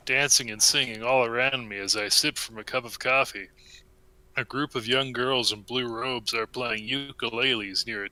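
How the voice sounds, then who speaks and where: A young man reading a comic story aloud to friends in a deadpan way, with a close mic. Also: medium pitch, no room sound, poor audio. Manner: deadpan reading, breaking into laughter.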